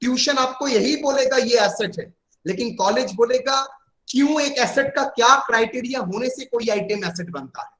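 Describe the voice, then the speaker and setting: High-voiced man teaching in an echoey room. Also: a bit bright. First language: Bengali. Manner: repeats definitions slowly, calls students "beta". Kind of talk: classroom accounting lesson.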